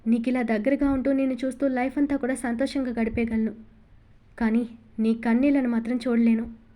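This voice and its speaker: A woman's voice: sits high, brisk, darkish tone, natural voice. A woman voicing a young man, an ardent and tender loving husband, in an audiobook novel reading, with a fond, coaxing manner. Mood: soothing.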